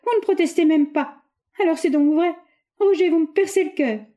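Tearful jealous young lady, put on by a female reader, high and strained. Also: fairly quick, warm tone, lightly acted. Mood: anguished accusing. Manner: tearful, pleading, accusing.

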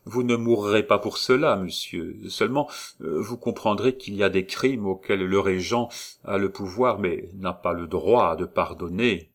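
A scheming abbé speaks with cold, mocking calm, as a man reads him. He is dry and sardonic, low in pitch, with a sneer behind his politeness. It is an audiobook character voice, lightly acted. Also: unhurried.

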